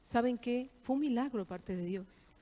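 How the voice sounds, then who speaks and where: A woman's voice: on the high side, unhurried, dark tone. Argentine woman sharing a heartfelt testimony. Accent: Argentine Spanish. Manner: heartfelt, emphatic repetitions. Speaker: guest speaker giving testimony. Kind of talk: church testimony. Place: church service.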